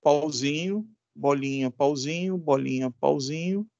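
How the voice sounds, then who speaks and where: A man's voice: fairly high pitch, unhurried, gravelly, a little mellow, no room sound, dull audio. A man teaching an electronics class with a Brazilian Portuguese accent, emphatic and repetitive, asking his students rhetorical questions. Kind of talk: recorded classroom lesson.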